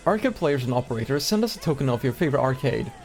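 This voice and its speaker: A man's voice: mid-range voice, sing-song, very fast, faint music behind. A man from Singapore streaming live, reading old magazine letters aloud with casual, chatty asides between them.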